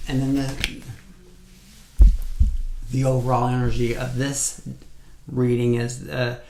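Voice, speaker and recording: A man's voice: medium pitch, darkish tone. A man giving a casual pick-a-card tarot reading, blunt and profane, repeating points over and over for emphasis. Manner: blunt, swears freely, repeats himself for emphasis. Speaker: tarot reader. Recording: echoey room with faint noise.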